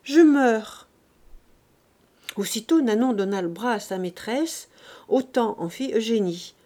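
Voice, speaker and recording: Lectrice au timbre chaud et doux. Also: female voice, medium pitch, moderate pace, warm tone. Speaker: narrator. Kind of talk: audiobook reading of a classic novel.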